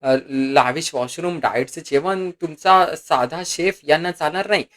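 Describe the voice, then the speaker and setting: Man putting on a blunt young woman, urgent, raised pitch, storytelling voice. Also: unhurried, fairly bright tone. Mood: urgent, pleading. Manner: pleading, pushy.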